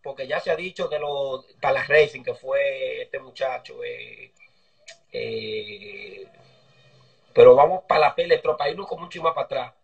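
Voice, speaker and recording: A man's voice: medium pitch, moderate pace, vocal fry, muffled recording. A man interviewing a mechanic over a video call, asking friendly, chatty questions. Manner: polite, chatty questioning with fillers. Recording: distant video call audio.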